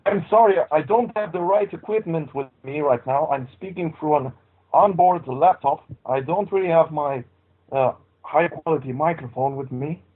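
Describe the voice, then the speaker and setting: A man putting on a deadpan Transylvanian radio host. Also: on the high side, measured pace, slightly rough, full character voice. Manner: deadpan trolling, broken English. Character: male foreign radio host with put-on Transylvanian accent. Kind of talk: prank call-in radio chat. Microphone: laptop mic. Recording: dull lo-fi laptop audio.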